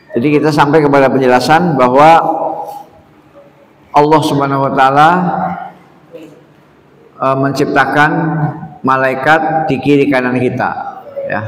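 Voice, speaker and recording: A man's voice: mid-range voice, measured pace, long pauses. A man giving a casual, conversational sermon, tagging "ya" onto phrases and speaking straight to his listeners. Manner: conversational, keeps adding "ya" and addressing "Pak". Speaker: preacher. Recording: roomy hall with long reverb, faint noise.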